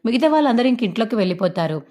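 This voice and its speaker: A woman narrating a recap of a TV serial in a brisk, running style. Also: on the high side, animated, dark tone. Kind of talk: fast spoken recap narration.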